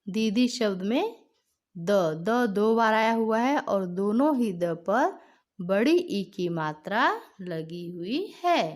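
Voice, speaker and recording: A woman teacher giving a patient reading lesson for children, carefully stretching out each example word. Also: medium pitch.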